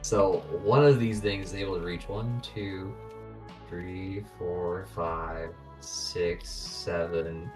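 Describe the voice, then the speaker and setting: A man's voice: fairly low pitch, recorded from a distance. A man chatting casually while gaming, thinking aloud and correcting himself, his voice glitchy and warbling over a voice call. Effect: glitchy, warbling voice-call audio. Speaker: gamer on a voice call. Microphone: voice-chat mic.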